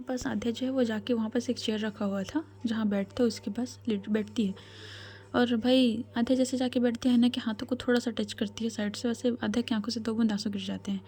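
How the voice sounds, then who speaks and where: Mellow-voiced woman telling a story casually. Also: a little high, steady tone, a little fast. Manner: chatty, retelling with fillers.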